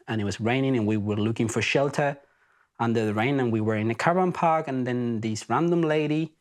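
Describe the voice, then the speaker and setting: A man from Argentina with an Argentine accent, hosting a podcast and telling his story in an earnest, reflective way. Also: fairly low pitch. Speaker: podcast host. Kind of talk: casual spoken introduction.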